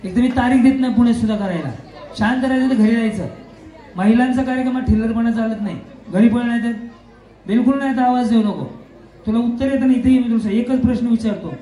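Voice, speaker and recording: A man hosting a quiz for women at a festival event, loud and teasing, scolding noisy people in the crowd through a stage mic. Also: extremely high pitch, fast. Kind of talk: live event emceeing over a PA. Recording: echoey PA with music and crowd.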